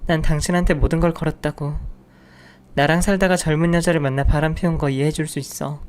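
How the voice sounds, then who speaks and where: A man's voice: a little high, a little mellow, close to an everyday voice. A man voicing a betrayed wife who pleads and protests, read for a story radio segment. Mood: pleading. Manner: pleading, indignant. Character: hurt betrayed wife, pleading then shocked.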